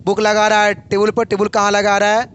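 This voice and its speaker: High-voiced man teaching a physics lesson. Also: completely flat delivery, fairly quick, a bit bright, clean tone, highs cut off. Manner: asks questions and answers them himself.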